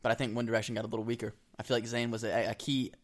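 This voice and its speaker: A man's voice: mid-range voice, little pitch movement, rapid-fire. A young man co-hosting a podcast, chatting casually and joking in slang. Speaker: podcast co-host. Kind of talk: casual chat.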